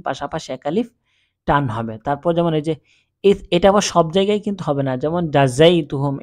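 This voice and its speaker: A man teaching Quran reading, spelling out letters and reciting words slowly and drawn out, and often checking in with the viewer. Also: on the high side, darkish tone. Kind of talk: step-by-step recitation lesson.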